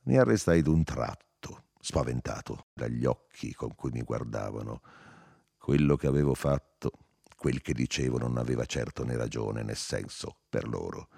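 Very deep husky male audiobook narrator. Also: moderate pace, dry recording, clean studio sound. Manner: dramatic, expressive reading. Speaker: audiobook reader.

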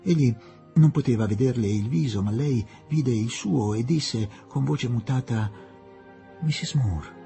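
A man reading an audiobook as narrator, telling the story in a measured, expressive way. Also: medium pitch, gravelly, faint music behind. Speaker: audiobook reader. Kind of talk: scripted narration.

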